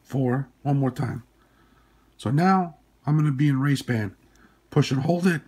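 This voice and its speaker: A man with a hoarse, stuffy-nosed voice after surgery, giving informal step-by-step instructions in short, plain phrases. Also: medium pitch, measured pace, darkish tone. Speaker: tutorial presenter. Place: indoors at a workbench.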